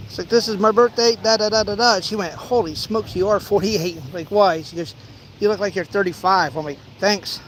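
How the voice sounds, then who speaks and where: This man in his forties talks briskly in a high-pitched, fairly bright voice while fishing at a pond, spinning rambling stories and playing out small back-and-forths for his vlog. The recording is rough, and outdoor ambient sounds come through.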